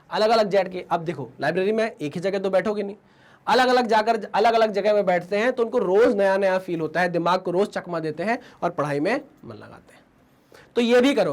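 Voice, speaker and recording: A man teaching exam preparation in a conversational, motivational way. He often adds tag questions and acts out inner voices. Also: high voice. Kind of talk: motivational study advice.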